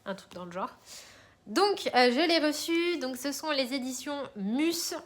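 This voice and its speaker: Speaking a little slowly in a high-pitched, expressive voice, a woman vlogs about the coloring supplies she bought. Her casual chat wanders, full of fillers and false starts.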